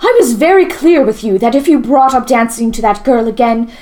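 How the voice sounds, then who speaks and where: An actress playing a stern, controlling mother who speaks in a sharp, commanding way. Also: fairly high pitch, animated, fairly quick, natural voice. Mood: angry.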